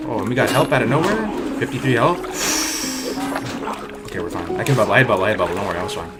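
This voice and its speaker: This game streamer's voice is on the low side, with lively intonation and a racing pace, as he livestreams gameplay commentary in cocky, hyped frat-bro slang over loud music.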